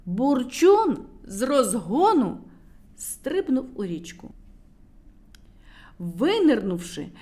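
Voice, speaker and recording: A woman storyteller reading a children's tale aloud in a lively, dramatic way. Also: fairly high pitch.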